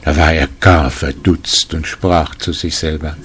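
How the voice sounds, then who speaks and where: A man reading a folk tale aloud in a calm, measured storytelling manner. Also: rumbling low, husky.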